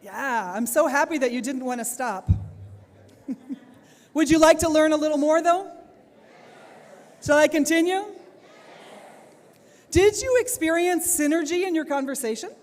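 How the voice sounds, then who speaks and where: A woman's voice: high-pitched, unhurried, pauses often, darkish tone. Woman speaker in a reverberant hall. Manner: engaging, asks the audience questions, laughs often. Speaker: plenary speaker, teacher trainer. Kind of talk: conference talk to teachers. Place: large conference hall.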